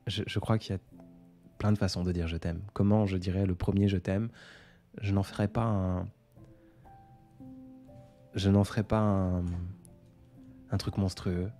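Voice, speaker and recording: Brief: male streamer-poet, low warm tone, musing and hesitant, faint music underneath. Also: level tone. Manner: reflective, unhurried, with frequent hesitations. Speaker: poet and author on a live stream. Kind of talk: casual live-stream chat. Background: faint background music.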